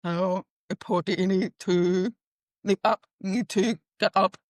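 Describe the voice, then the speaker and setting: A woman born profoundly deaf, answering interview questions earnestly in halting, unusual phrasing over a video call. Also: mid-range voice, steady tone, darkish tone, no room sound. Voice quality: deaf speech, her hearing profoundly impaired from birth. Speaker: guest.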